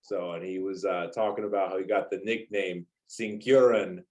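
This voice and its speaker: An upbeat man hosts a casual interview in a slightly low voice. He keeps the chat friendly and chatty and laughs often. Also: steady tone, moderate pace, darkish tone. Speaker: interview host.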